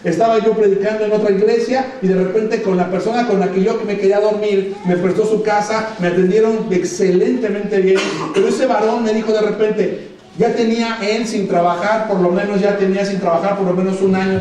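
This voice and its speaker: High-voiced Mexican preacher, echoey hall. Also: male voice, little pitch movement, fairly quick, warm tone, slight background noise. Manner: emphatic preaching, acts out dialogue. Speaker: pastor. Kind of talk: sermon. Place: church hall. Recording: echoey church sound from far off.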